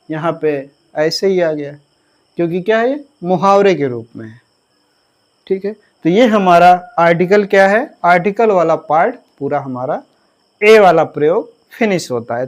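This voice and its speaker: A male English grammar teacher giving a lesson. He asks the class questions, answers them himself, and spells words out letter by letter. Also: high-pitched.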